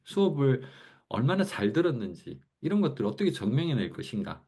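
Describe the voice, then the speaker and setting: Warm and husky, this mid-range male voice belongs to a Gyeongsang-accented man from Korea's Gyeongsang region. He gives a casual online class lecture, thinking aloud in a loose, chatty way with frequent fillers.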